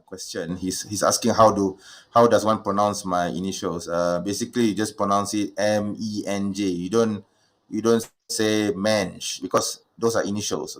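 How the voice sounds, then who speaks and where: A man with a fairly low voice hosts a casual livestream question session. He talks at length, stopping and restarting his sentences with many fillers. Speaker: livestream host.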